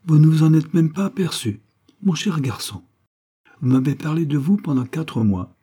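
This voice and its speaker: A man's voice: on the high side, animated, normal speed, mellow, husky, voice pushed up. A man voicing a poised, ironic young foreign woman who teases her suitor. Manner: mocking, poised, teasing.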